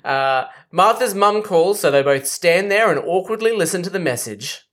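A woman's voice: lowish voice, animated, moderate pace. A woman co-hosting a podcast, recapping the episode in a dry, wry way and laughing easily. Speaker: podcast co-host. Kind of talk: casual chat and episode recap.

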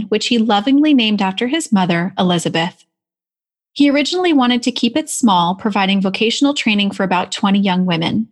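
An enthusiastic woman in her forties hosts a podcast interview. She talks at a mid pitch, effusive and warm in her words, and welcomes her guest with eager energy. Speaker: podcast host and executive coach.

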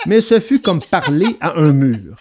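A man narrating a children's storybook aloud in an expressive, dramatic read-aloud manner. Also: a little high, measured pace, noisy background.

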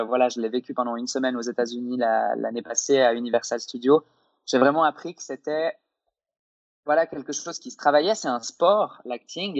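A young man from Switzerland speaks at a mid pitch. He talks in a hesitant, searching way, full of fillers and restarts. The sound is a little dull and dry. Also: dry recording. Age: young adult. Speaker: guest, aspiring actor. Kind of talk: casual interview answers.

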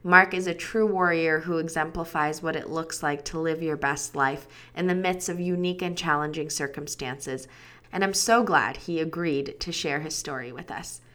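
Bright, upbeat woman hosting a podcast. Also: deep voice, fairly even intonation, normal speed. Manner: upbeat, enthusiastic delivery. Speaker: podcast host. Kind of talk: scripted podcast intro.

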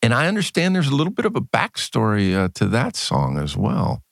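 A man hosting a casual interview, chatty and quick to chime in. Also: mid-range voice, wildly swooping pitch, vocal fry, no echo, clean studio sound. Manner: chatty, eager backchannels. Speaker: podcast host.

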